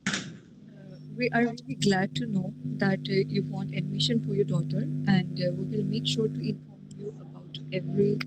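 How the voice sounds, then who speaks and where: A man playing a principal in a classroom role-play, halting and full of fillers. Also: sits high, flat delivery, heavy background noise.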